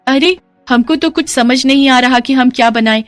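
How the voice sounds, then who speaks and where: A woman voicing a naive young foreign bride who speaks broken, ungrammatical Hindi in a high, childlike voice. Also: normal speed, dry recording, faint music behind, lightly acted. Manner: broken Hindi grammar, wide-eyed.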